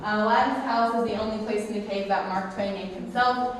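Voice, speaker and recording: A woman's voice: medium pitch, fairly even intonation, fairly quick. A woman working as a cave guide, giving a casual, explanatory tour talk to a group inside a cave. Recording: very echoey cave, distant mic, faint noise.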